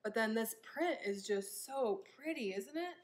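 A woman's voice: a little high, lively intonation, measured pace. A young woman chatting casually in a try-on haul vlog, upbeat and rambling with frequent ums. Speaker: vlogger.

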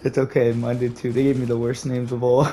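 A man streaming games, bantering loudly with friends, boastful, joking and swearing. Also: medium pitch, level tone, brisk, a little hiss or hum. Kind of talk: casual gaming banter.

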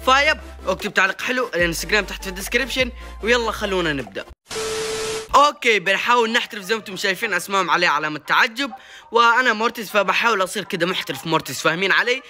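A young man giving excitable, sing-song commentary while playing a mobile game, cheering and groaning as he goes. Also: sits high, rapid-fire, faint music behind. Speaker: gaming YouTuber. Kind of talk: gameplay commentary.

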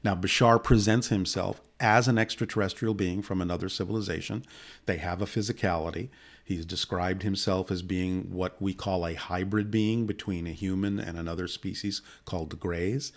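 A man in his sixties telling a long personal story in a measured, steady way, as a guest in a studio conversation close to a boom mic. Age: 60s. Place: indoor studio set. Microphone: boom-mounted studio mic close by.

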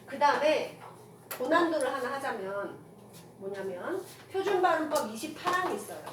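A woman teaching a classroom grammar lecture, firing quick rhetorical questions at her students and mixing casual with polite speech. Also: high-pitched, sing-song. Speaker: Korean language teacher. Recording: echoey room from far off, noisy.

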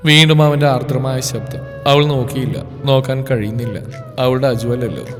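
A man reading a romance story aloud in a slow, emotive narration. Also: medium pitch. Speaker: story presenter. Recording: reverb with background music.

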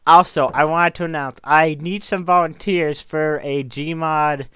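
A man's voice: a little high, fairly even intonation, unhurried, fairly bright tone, clear, resonant tone, dry recording. A young adult man hosting a casual update chat for a gaming video channel.

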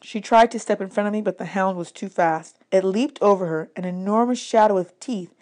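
This is expressive audiobook-style reading of a children's adventure novel by a woman, delivered as scripted first-person narration. She speaks at a medium pitch and fairly quickly.

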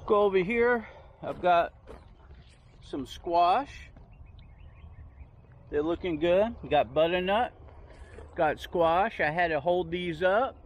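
A man with a high-pitched, animated voice gives a casual, meandering tour of his backyard garden. He takes his time and points things out as he walks. It was recorded outdoors on a handheld phone.

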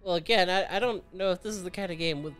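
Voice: mid-range voice, quick pace, fairly bright tone, smooth, faint music behind. A man co-hosting a casual gaming session, upbeat and guiding the others through the game. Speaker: co-host playing a game.

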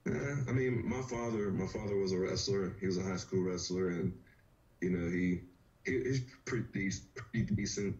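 Deep-voiced laid-back man from Virginia. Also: normal speed. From rural Virginia. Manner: laid-back, relaxed storytelling with "you know". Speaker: fighter, podcast guest. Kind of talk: casual interview. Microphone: webcam or laptop on a video call. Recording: dull, lo-fi video call audio.

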